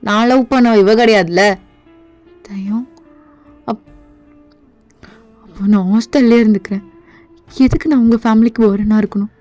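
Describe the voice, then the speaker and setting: A woman's voice: on the high side, steady tone, moderate pace, pauses often, mellow, soft background music, lightly acted. A woman voicing a hurt, pleading girlfriend. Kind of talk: fan voice drama acting.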